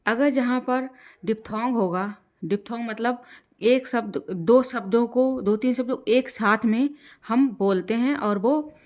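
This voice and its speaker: Female teacher with a higher voice, giving an exam-prep grammar lesson and stopping often to check in. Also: darkish tone. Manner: explains in Hindi, slows down to read English rules aloud; repeats "ठीक है" to check in with learners.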